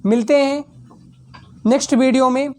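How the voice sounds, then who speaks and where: A woman's voice: sits high, normal speed. Woman teacher dictating exam answers. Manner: reads answers in a steady dictating way, with small self-corrections.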